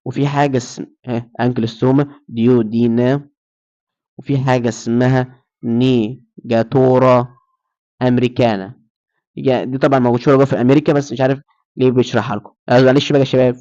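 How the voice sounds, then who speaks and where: A man's voice: mid-range voice, a little mellow, dull audio. A man with an Egyptian Arabic accent giving a recorded lecture, who asks his students questions and then answers them himself.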